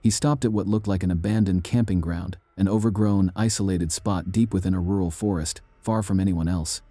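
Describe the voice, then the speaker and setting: A man giving a measured, ominous scripted narration of eerie true stories. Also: low voice, steady tone, dark tone, dry recording.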